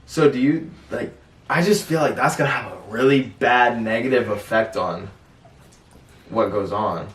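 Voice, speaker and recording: A man's voice: medium pitch, measured pace, a bit bright. A young man hosting a casual podcast chat in a blunt, slangy way. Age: young adult. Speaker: podcast host. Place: small bare room, indoors at a table. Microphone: distant camera or room mic. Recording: echoey room, distant mic.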